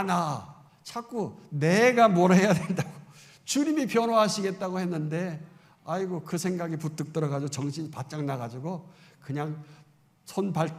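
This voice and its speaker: A middle-aged male pastor preaches with fervor, his fairly high voice rising into loud exclamations and then easing into chatty rhetorical questions. The sound carries a long reverb from a church sanctuary. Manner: fervent, emphatic preaching with sudden loud exclamations; conversational asides and rhetorical questions to the congregation. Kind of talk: Sunday sermon.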